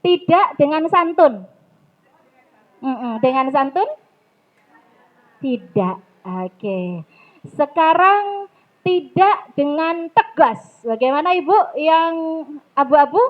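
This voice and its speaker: High-voiced, unhurried woman trainer. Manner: lively, coaxing the audience, mixes in Javanese. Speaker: public speaking trainer. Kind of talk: interactive training talk with storytelling. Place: mosque hall. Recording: dull lo-fi recording.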